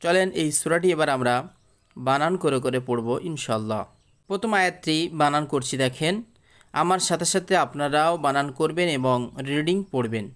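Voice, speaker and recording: A man's voice: on the high side, moderate pace, fairly bright tone, smooth. A man teaching Quran reading in Bengali, spelling out each syllable and then chanting the verse in a raised voice. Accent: Bangladeshi Bengali. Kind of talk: spelling-out recitation lesson.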